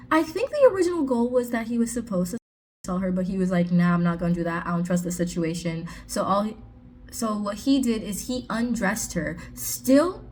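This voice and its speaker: A woman's voice: medium pitch, a little hiss or hum. A woman casually reviewing a book on her vlog, talking in a chatty way with sarcastic asides.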